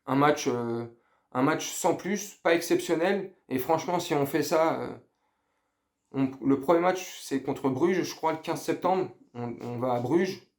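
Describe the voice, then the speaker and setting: Speaking unhurriedly in a voice on the high side, a middle-aged football fan gives viewers a casual post-match debrief. His talk is slangy, rambling and hesitant, and he sounds underwhelmed and lacking enthusiasm.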